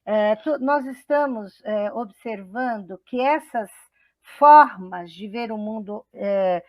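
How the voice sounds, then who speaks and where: This web radio host, a middle-aged woman from São Paulo state in Brazil, has a medium-pitched, slightly mellow voice and talks slowly. Her manner is chatty and enthusiastic, with easy laughter and many restarts, captured in a dry recording.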